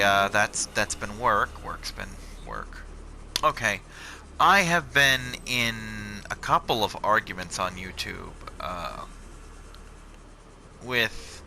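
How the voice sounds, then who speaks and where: A man's voice: fairly low pitch, sharp tone, a little hiss or hum. A young man chatting casually and swearing freely as he plays a video game and rambles about work. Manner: rambling, profane, sarcastic. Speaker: channel host playing a video game. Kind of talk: casual chat over gameplay. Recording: game music behind.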